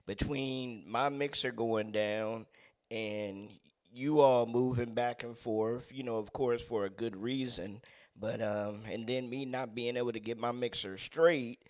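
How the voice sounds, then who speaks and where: Animated, laughing male podcast host. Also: mid-range voice, a little slow, smooth, no room sound. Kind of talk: casual chat.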